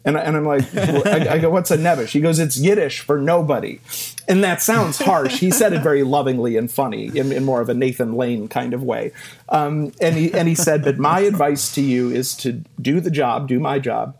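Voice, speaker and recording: Middle-aged male interview guest, mid-pitched, animated storyteller who acts out quotes and laughs at himself. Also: normal speed, gravelly. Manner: animated anecdotes with self-deprecating laughs and acted-out quotes.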